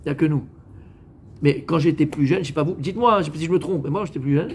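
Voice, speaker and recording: A man from France, a rabbi, giving a lively, joking sermon to a live audience, talking straight to his listeners and mixing in Hebrew religious words. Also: a little high, rapid-fire, slight background noise.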